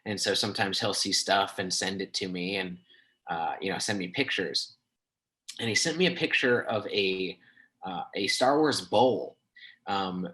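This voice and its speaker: Young male co-host, low voice with a bright edge, chatty storyteller. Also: low-quality recording. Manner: chatty storyteller, laughs while talking. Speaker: podcast co-host. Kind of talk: casual podcast chat.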